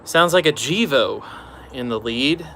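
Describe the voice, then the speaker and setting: A man's voice: medium pitch, animated, measured pace, sharp tone, a little hiss or hum. Chatty man hosting a live stream. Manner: chatty, answers viewer questions offhand. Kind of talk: casual live-stream chat. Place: outdoors beside railroad tracks.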